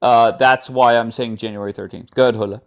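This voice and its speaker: A man's voice: mid-range voice, steady tone, brisk, gravelly. A man hosting a livestream call-in debate, blunt and profane, cutting in on his guests. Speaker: livestream host. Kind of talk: heated political call-in chat.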